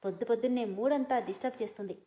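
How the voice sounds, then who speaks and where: A woman voicing a hot-tempered, sharp-tongued young man who scolds angrily. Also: fairly high pitch, very fast, close to an everyday voice. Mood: indignant. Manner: angry, scolding.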